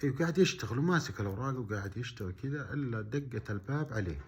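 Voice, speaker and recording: A man with a Bedouin Gulf Arabic accent telling a story in colloquial, animated style, acting out dialogue with exclamatory asides and repeated phrases. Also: mid-range voice, rapid-fire.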